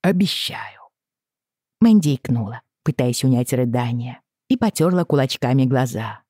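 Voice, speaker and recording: A woman narrating a novel aloud in an expressive, dramatic reading. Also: very deep voice, normal speed, no echo, clean studio sound. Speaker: audiobook narrator. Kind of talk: scripted narration.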